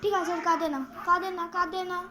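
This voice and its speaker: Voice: extremely high pitch, flat delivery, fast, background noise. A child playing a strict scolding mother. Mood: soothing. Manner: bossy, threatening, nagging. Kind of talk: pretend-play role-play. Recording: clear background music.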